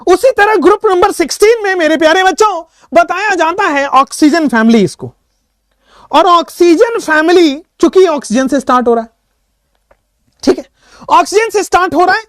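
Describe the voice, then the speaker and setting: A man's voice: very high voice, moderate pace, no echo, studio quality. A man teaching chemistry in a casual online lecture, playful and teasing, mixing in English phrases and chanting memory tricks in a sing-song way. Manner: lively, sing-song when reciting mnemonics.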